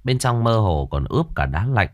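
Lively male storyteller. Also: fairly low pitch, normal speed, dry recording, clean studio sound. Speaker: audiobook narrator. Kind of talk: storytelling narration.

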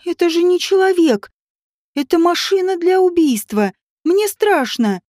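A woman voicing an excitable young woman with a ringing, bold voice. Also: sits high, brisk, no room sound, studio quality. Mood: excited.

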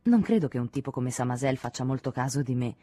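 A woman's voice: a bass voice, expressive, fast, dark tone, slightly rough, dry recording, full character voice. Woman reading as a weary, amused male journalist. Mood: mild. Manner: mild, good-humoured.

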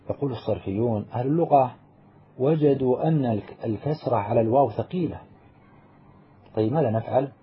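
A man's voice: mid-range voice, slightly rough. A man teaching a grammar lesson, explaining each rule step by step and answering his own questions. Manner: spells out example words slowly. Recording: muffled lo-fi recording.

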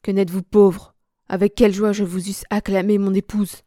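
A woman voicing a smooth-talking young male count who speaks in a slow, dramatic, declaiming way. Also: medium pitch, level tone, warm tone, no room sound, studio quality, close to an everyday voice. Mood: dramatic lament.

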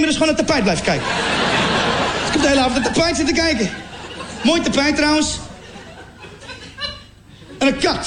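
A young man doing stand-up comedy, acting out scenes with sound effects and lively storytelling. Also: very high-pitched. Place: stage in a venue before a laughing audience. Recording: echoey venue with crowd noise. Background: audience laughter.

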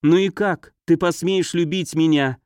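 A man's voice: fairly high pitch, expressive, unhurried, a little mellow, dry recording, clean studio sound. A man reading the part of an anguished young noblewoman, pleading in breathless outbursts. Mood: feverish. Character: anguished young noblewoman, a marquise, tormented and feverish.

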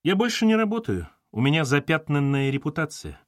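A distraught young woman, her voice pitched high and swinging wide with emotion, as a male narrator puts her on. She snaps back defensively, close and dry on the mic. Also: big pitch swings, a little fast, no room sound. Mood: upset.

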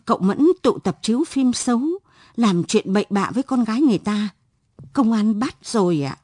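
A woman's voice: a little high, expressive, moderate pace, darkish tone, breathy edge, no room sound, studio quality. Woman reading as a hesitant, polite housemaid. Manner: hesitant, deferential. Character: nervous housemaid delivering bad news.

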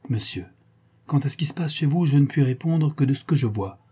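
A man's voice: mid-range voice, lively intonation, a little fast, dark tone, breathy edge, voice pushed up. A man voicing an anxious tutor who defends himself deferentially. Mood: defensive.

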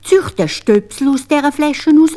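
A woman with a Swiss German accent telling a fairy tale in a lively, dramatic way, often dropping to a whisper. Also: high-pitched, moderate pace. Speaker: storyteller.

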